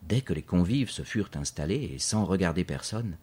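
A man reading a children's story aloud in a measured, clear narration. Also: low voice, animated, darkish tone.

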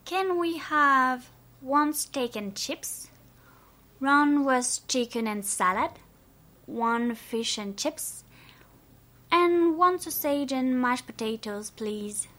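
A woman playing a shy young girl who speaks careful, slow English like a learner. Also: sits high, lively intonation, a bit bright, heavily acted.

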